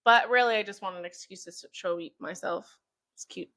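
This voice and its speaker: A young woman co-hosts a casual podcast in a gravelly, fry-tinged voice. She is easygoing and keeps the chat moving with steady "mm-hmm"s and "sure"s. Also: mid-range voice, a little fast. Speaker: podcast co-host.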